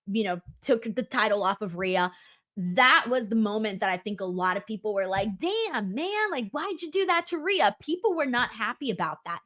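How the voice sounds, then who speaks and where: A woman host giving casual, animated wrestling commentary in an emphatic, conversational way. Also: medium pitch. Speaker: wrestling talk show host.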